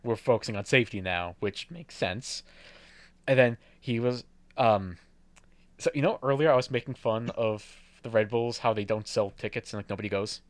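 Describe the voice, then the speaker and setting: With no echo on the audio, this young podcast co-host speaks in a lowish voice during a casual chat. He rambles, swears and laughs often.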